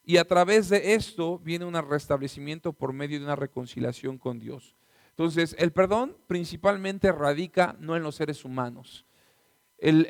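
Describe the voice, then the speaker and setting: A man with a Mexican Spanish accent preaching in a church, his voice pitched a little high. He teaches step by step and keeps asking his listeners whether they are following. The sound is dry and close, with little room echo. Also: creaky. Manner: teaching, checks on listeners with rhetorical questions. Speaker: pastor. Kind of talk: sermon.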